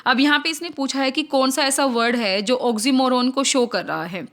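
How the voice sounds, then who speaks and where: A woman teacher with an Indian accent explaining literary terms for an exam. She asks her own questions and answers them, and she reads the English questions slowly. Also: high-pitched, a bit bright. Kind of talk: exam-prep literature lesson.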